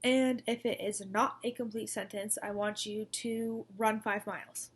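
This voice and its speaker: A woman's voice: mid-range voice, little pitch movement, unhurried, slightly rough. A young woman teaching a recorded lesson to second graders, in an upbeat, coaxing manner. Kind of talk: recorded distance-learning lesson.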